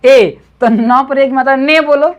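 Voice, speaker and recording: A woman tutoring reading one-on-one, patiently repeating syllables slowly and coaxing her student along. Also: high-pitched, steady tone.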